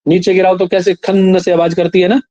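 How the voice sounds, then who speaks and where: A man teaching a class, slowly reciting verses, then explaining them and quizzing his students. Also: high voice, little pitch movement, warm tone, no room sound, muffled recording. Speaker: Sanskrit teacher. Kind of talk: classroom lecture.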